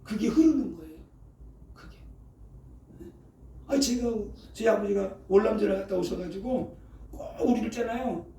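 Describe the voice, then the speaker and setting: Middle-aged guy preaching in a church, mellow dark voice, keeps tossing out "eh?" to the crowd. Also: high-pitched, moderate pace, gravelly, long pauses. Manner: frequent rhetorical "어?" and "예?" prompts to the congregation. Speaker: pastor. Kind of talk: sermon. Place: church sanctuary. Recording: echoey room, mic at a distance, faint ambience.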